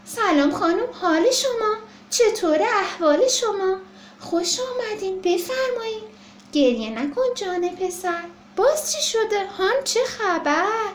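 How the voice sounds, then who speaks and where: A woman's voice: very high-pitched, lively intonation, slight background noise, voice pushed up. A woman voicing a polite, welcoming receptionist at a clinic, in a roomy recording. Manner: courteous, welcoming. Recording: roomy echo.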